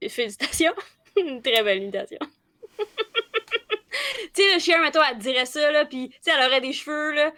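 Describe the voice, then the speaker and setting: Bright, dry Quebec French comedienne. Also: female voice, high-pitched, fairly quick, long pauses, no room sound. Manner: teasing, deadpan prompting. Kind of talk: comedic improv chat.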